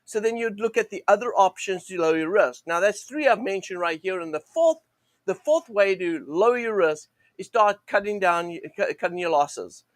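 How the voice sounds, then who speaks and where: Hoarse from a sore throat, a man with a high, croaky voice hosts a live forex show, talking expressively at a moderate pace in a teaching monologue on a live stream. Fillers, false starts, and repeated phrases such as "go ahead and" run through his rambling. The audio is close and dry, with no room sound.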